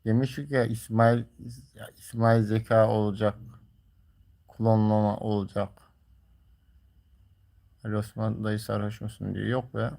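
A man's voice: fairly low pitch, little pitch movement, a little slow, vocal fry, pauses often, warm tone. A man livestreaming, talking casually and colloquially to viewers in a grumbling, teasing way. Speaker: live streamer.

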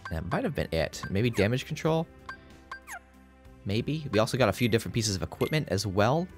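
Low-voiced rambling gaming host. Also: male voice, big pitch swings, moderate pace, faint music behind. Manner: rambling, many fillers and restarts. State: groggy morning voice. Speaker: let's play host. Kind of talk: casual gameplay commentary.

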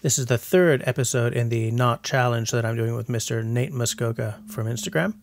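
Creaky and fairly quick, the mid-range voice belongs to a bushcraft vlogger in his forties doing a casual vlog voice-over. It's clean studio sound with no echo, recorded on a voice-over mic and not outdoors. He jokes around and pokes fun at himself.

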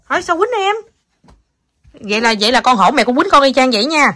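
A mother with a Southern Vietnamese accent talking to her toddler at home, coaxing and gently scolding in a casual chatty way. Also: high-pitched, very animated, a little fast, very noisy. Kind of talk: casual home video chat.

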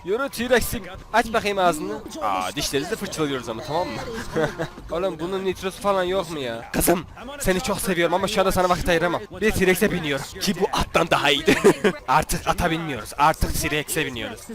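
A man's voice: on the high side, lively intonation, quick pace. A young man giving casual, jokey commentary while playing a video game, teasing the characters on screen. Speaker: gaming YouTuber. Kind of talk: casual Let's Play commentary.

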